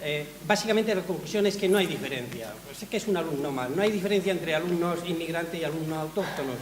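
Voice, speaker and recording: Halting male lecturer in an echoey hall. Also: on the high side, crowd noise. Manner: halting, frequent fillers, trails off softly. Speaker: panel speaker, university lecturer. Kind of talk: conference presentation. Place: hall at a round-table event. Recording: echoey hall, faint noise.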